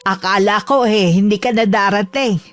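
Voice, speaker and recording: A woman voicing a secretive old grandmother who speaks calmly and politely, with faint music behind. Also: medium pitch, normal speed, natural voice. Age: older. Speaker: customer.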